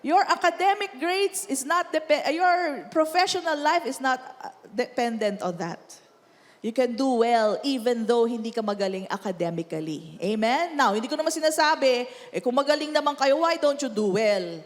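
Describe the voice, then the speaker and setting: Filipino woman pastor, fairly high voice, animated and chatty sermon, long hall echo. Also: normal speed. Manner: animated, chatty, laughs often, asks Amen. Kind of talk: sermon mixing Tagalog and English.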